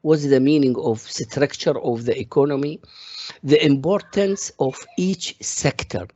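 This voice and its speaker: A man's voice: mid-range voice, dark tone, husky, no room sound, lo-fi sound. A man from Iraq, giving a classroom economics lecture and explaining each point step by step with examples. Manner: explains step by step through worked examples, calls on students.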